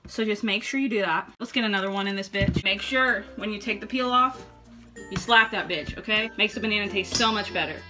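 A young woman vlogs from her kitchen, delivering a fake cooking lesson with constant profanity and brash humor. She speaks briskly in a mid-range voice to a table-height camera facing her, while music blares behind her.

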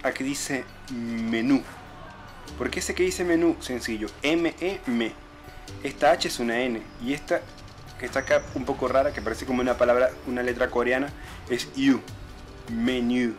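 A man's voice: medium pitch, normal speed, soft background music. A man vlogging as he walks through empty city streets at dawn, spelling out signs letter by letter in a casual way and repeating himself often. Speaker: travel vlogger. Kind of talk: walking vlog, reading street signs.

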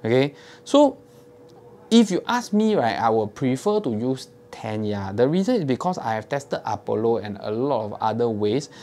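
A man's voice: mid-range voice, sing-song, normal speed, a little mellow. A man in his thirties with a Singaporean English accent, host of a fishing tackle shop channel, explaining gear step by step in a casual tutorial to camera, showing it with his hands and checking in with "okay?", recorded on a lapel mic in a small indoor studio. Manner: demonstrates gear with his hands while talking.

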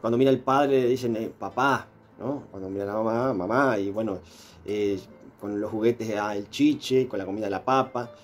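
A man giving an explanatory monologue, pausing often with filler sounds and tag questions. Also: on the low side, a little mellow, soft background music. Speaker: presenter explaining philosophy.

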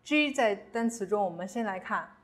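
A woman's voice: medium pitch, lively intonation, moderate pace. Patient woman teacher repeating sounds twice. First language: Chinese. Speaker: Italian language teacher. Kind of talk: slow, clear pronunciation lesson.

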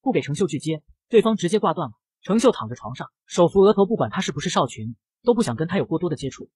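A man narrating a comic recap in a brisk storytelling manner. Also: sits high, sing-song, darkish tone, slightly rough, dry recording.

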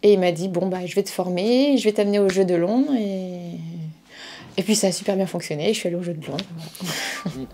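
A woman's voice: mid-range voice, a little fast, dark tone. A woman in her thirties, a fencer, telling her story in a casual interview with frequent hesitations. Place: office indoors.

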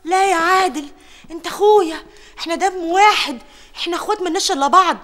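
A woman's voice: extremely high pitch, racing, a bit bright. A woman acting a scornful, scolding sister in a comedy sketch. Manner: scolding, contemptuous.

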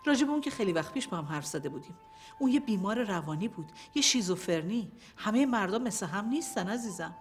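A sweet-talking lady therapist in a film drama, acted by a woman, gentle and coaxing with her patient. Her voice sits in an everyday middle pitch with faint music behind it. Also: expressive, lightly acted. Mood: soothing. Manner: soothing, coaxing therapist talk. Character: middle-aged female therapist, sweet-talking but scheming. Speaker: psychologist. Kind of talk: film acting.

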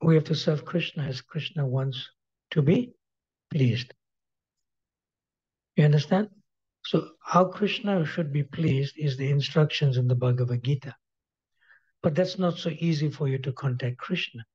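Brief: husky male swami lecturing, slightly high voice, repeats his points, dull lo-fi sound. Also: a little slow, pauses often, a little mellow. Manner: repeats key phrases, asks the audience questions. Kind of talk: devotional lecture. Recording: dull lo-fi recording.

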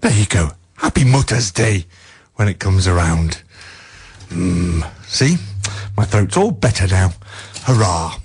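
A man's voice: sits low, big pitch swings, unhurried, darkish tone, soft background music. A man hosting a live radio show, chatting casually and jokily while reading out listener texts in a studio.

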